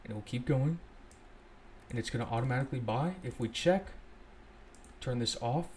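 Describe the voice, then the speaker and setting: A man's voice: medium pitch, moderate pace, a little mellow, slight background noise. A young man casually walking through a coding tutorial, thinking aloud and correcting himself as he goes. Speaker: scripting tutorial host. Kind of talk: casual screen-recorded coding walkthrough.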